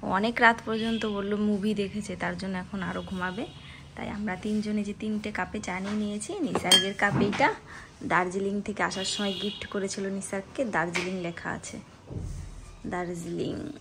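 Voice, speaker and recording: A woman's voice: mid-range voice, fairly even intonation, moderate pace, noisy background. A middle-aged woman, chatting casually to viewers while she cooks in her kitchen. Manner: chatty, talks to viewers directly. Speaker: vlogger. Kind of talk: casual home vlog narration. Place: home kitchen.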